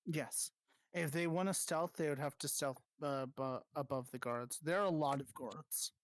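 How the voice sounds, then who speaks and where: A game master in a casual online voice chat, handing out quick instructions and often restarting sentences. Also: medium pitch, dry recording, studio quality.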